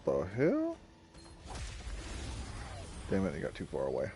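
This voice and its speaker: A male streamer commenting on his game, his voice leaping wildly up and down as he cracks up and curses. He talks slowly, drawing out his words. Faint game music plays behind him. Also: low voice, wildly swooping pitch. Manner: laughing fits and loud swearing exclamations. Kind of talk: live gameplay commentary.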